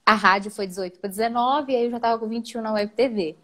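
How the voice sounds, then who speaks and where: At a quick pace, a woman guest with a Brazilian Portuguese accent relates her own story with feeling in a live interview. She speaks animatedly, frequently adding "né?" and springing up in pitch.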